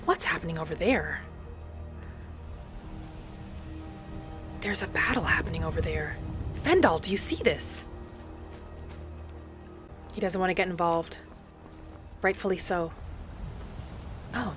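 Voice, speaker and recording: Over background music, a woman voices a gentle female wood elf wanderer, reflective and matter-of-fact, in an in-character roleplay monologue. Her pitch is fairly low and a bit bright. She muses aloud at a measured pace in short, reflective phrases.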